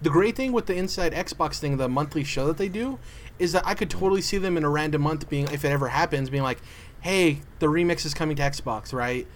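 A man with a fairly high voice talks quickly in a casual podcast chat. He is chatty and self-deprecating, and he laughs easily. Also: animated, a little hiss or hum. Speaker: podcast co-host.

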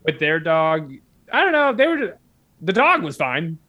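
A man's voice: fairly high pitch, big pitch swings, measured pace, bright, forceful tone. A man chatting casually and comically, telling rambling anecdotes as a guest. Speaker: guest telling stories of odd jobs.

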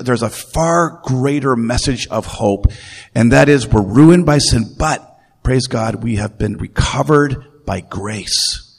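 A man's voice: mid-range voice, vocal fry, slightly rough. A man pastor preaching a conversational sermon, often repeating his phrases and putting questions to the congregation. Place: church. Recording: long reverb of a church hall.

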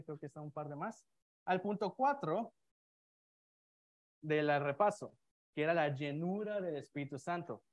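Male preacher, slightly high voice, informal sermon delivery with many restarts. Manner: conversational, many restarts and fillers, asks the congregation questions. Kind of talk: expository sermon. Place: church before a congregation with slides.

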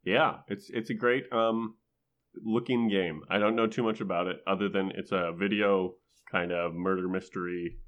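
A man's voice: low-pitched, steady tone, moderate pace, a bit bright, lo-fi sound. A man chatting casually and bantering as the co-host of a podcast.

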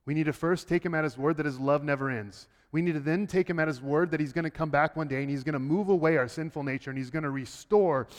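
In a hall with long reverb, a pastor gives his sermon, veering between booming high bursts and soft, low passages. Starting a thought, he often says a word twice over.

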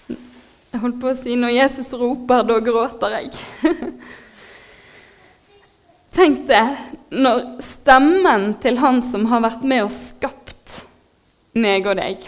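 Heartfelt woman preaching, fairly high voice. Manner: heartfelt, moved, laughs softly, pauses with fillers. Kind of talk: sermon.

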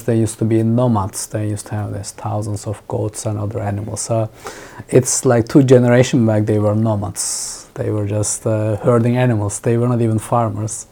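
A man with a Turkish accent and a mellow, dark voice talks as a podcast guest. He recalls things in a thoughtful, unhurried way, pausing and restarting his sentences often. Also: lowish voice. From Turkey. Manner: thoughtful, many restarts and fillers. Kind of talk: casual interview chat.

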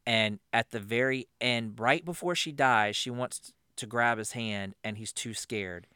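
Brief: male podcast co-host, bright and clear voice, animated, swears a lot, casual chat. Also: mid-range voice, measured pace, no room sound. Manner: animated, swears freely, laughs often.

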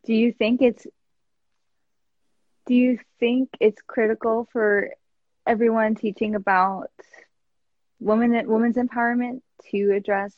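A woman host asks a question hesitantly, searching for her words. Her voice sits fairly high, and the sound is dull and very dry. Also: level tone, unhurried, pauses often, no echo. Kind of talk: interview question. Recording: dull dry remote audio.

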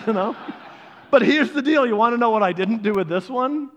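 A man preaching a sermon, animated and conversational, acting out quoted voices. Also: normal speed, dull audio, slight background noise. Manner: animated, acts out quoted voices with big pitch jumps. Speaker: pastor.

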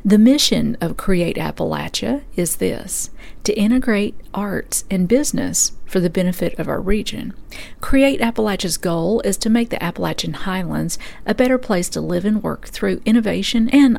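A woman's voice: on the low side, expressive, moderate pace, gravelly, darkish tone. A woman hosting a farm and food podcast, reading event announcements from a script. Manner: reads event listings steadily. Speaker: podcast host.

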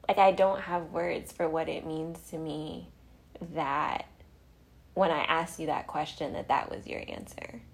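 Soft-spoken woman with a gravelly edge. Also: deep voice, steady tone. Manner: slow, tender, often drops to a whisper. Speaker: podcast host and mother. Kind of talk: casual heartfelt conversation.

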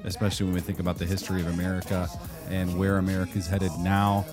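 A man's voice: low-pitched, monotone, fast talker, music in the background. A man hosting a podcast in a casual, upbeat way, wrapping up a segment before a break. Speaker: podcast host.

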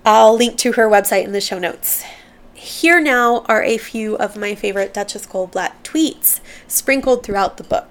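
A woman's voice: medium pitch, moderate pace. A woman hosting a book podcast, reading excerpts aloud and then sharing heartfelt commentary that stumbles a little when she is moved.

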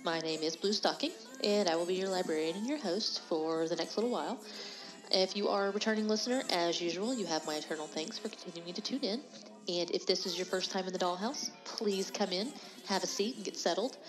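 A woman's voice: lowish voice, fairly quick, music in the background, poor audio. A woman with a congested, stuffy nose, hosting a podcast solo in a frank, informal, conversational way. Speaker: podcast host. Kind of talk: casual solo podcast talk.

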